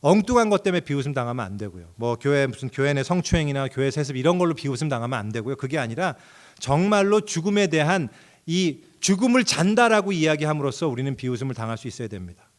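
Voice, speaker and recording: A man's voice: a little high, expressive, fast talker. A middle-aged man preaching a sermon as pastor, telling the story expressively and acting out characters' thoughts with sudden outbursts.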